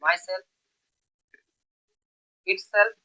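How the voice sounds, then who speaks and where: Bright-voiced male Bengali grammar teacher. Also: high-pitched, drawn-out words, poor audio. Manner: explains step by step, repeats words, checks in often. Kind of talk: grammar lesson.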